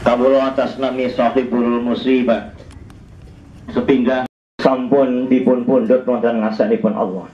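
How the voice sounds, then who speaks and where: Older man, Javanese accent, formal outdoor funeral sermon through a handheld mic and loudspeaker; echoey, lo-fi. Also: medium pitch. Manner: formal, measured, rising to emphatic. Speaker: preacher giving a funeral sermon. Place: outdoors at a street funeral gathering. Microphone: handheld mic over loudspeaker. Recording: echoey PA sound outdoors, dull lo-fi.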